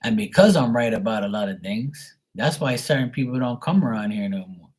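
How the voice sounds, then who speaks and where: A man hosting a live tarot reading stream speaks casually, bluntly and with strong opinions, rambling and swearing freely. His husky, medium-pitched voice is expressive and brisk, with a darkish tone.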